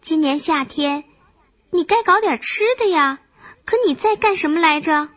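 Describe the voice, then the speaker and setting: A woman's voice: high-pitched, moderate pace, highs cut off, pitched above the performer's own voice. A woman playing an indignant hardworking ant. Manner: indignant, sharp questioning. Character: angry, hardworking ant scolding a lazy neighbour.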